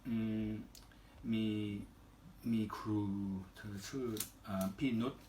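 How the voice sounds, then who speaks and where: Foreigner speaking careful, halting Thai, male. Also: fairly low pitch, fairly even intonation, darkish tone, slight background noise, low-quality recording. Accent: foreign (Western) accent in Thai. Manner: careful non-native Thai in short halting phrases with polite particles. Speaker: interview guest, singer. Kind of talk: casual interview answers.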